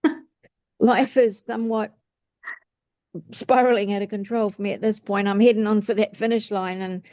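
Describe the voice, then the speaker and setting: A woman's voice: mid-range voice, fairly even intonation, moderate pace, mellow, no echo. A woman in her fifties getting a reading, chatting casually and rambling with many fillers and restarts. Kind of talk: casual chat. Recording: slightly muffled lo-fi audio.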